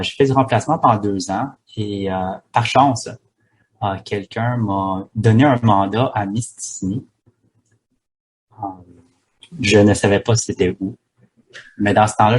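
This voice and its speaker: A man's voice: fairly low pitch, breathy edge. A man, a pharmacist guest speaking in a hesitant way with many fillers and restarts. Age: 30s. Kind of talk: casual interview talk.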